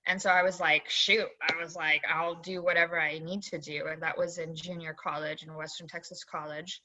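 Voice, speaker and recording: A young woman from Zambia, an assistant golf coach, telling her story in a chatty, animated way full of fillers on a video call. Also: low voice, moderate pace. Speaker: assistant college golf coach, interview guest. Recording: dull lo-fi video call audio.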